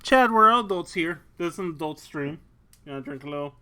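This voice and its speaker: In a sharp, mid-range voice, a Twitch streamer rattles through a visual novel fast and animatedly. Between lines of narration come frequent laughs, swearing and crude jokes.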